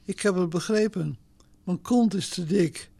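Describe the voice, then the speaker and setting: A woman's voice: on the low side, measured pace, creaky, dark tone, slightly rough, heavily acted. A woman voicing a daring, headstrong female cow in a children's story, chatting eagerly. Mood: grumbling.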